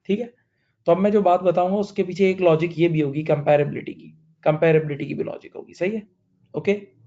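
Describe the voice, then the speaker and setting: A man lectures on accounting in a fairly high voice. He repeats each key point, asks his class questions and answers them himself, and leans on a small story to make an idea stick. The recording is dull and lo-fi. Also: fairly even intonation, a little fast, warm tone. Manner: tells a story to explain. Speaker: accounting teacher.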